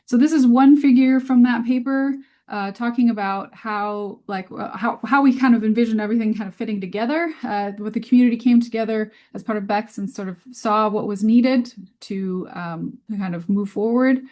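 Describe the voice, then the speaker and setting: A woman with a slightly high, warm voice presents a scientific webinar over a video call at a normal speed. Her style is informal and conversational, and she often hesitates as she thinks aloud.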